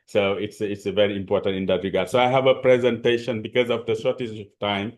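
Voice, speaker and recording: Speaking over a video call, a Senegalese panelist with a French accent gives a webinar presentation in a lowish, steady voice. His delivery is hesitant and halting, full of fillers and restarts.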